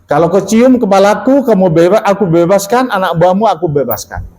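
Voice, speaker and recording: A man's voice: high-pitched, expressive, a little fast, a little mellow, voice pushed up, low-quality recording. A male preacher voicing a proud Roman emperor who bargains with a captive, in sermon storytelling. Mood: commanding. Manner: commanding, tempting offers.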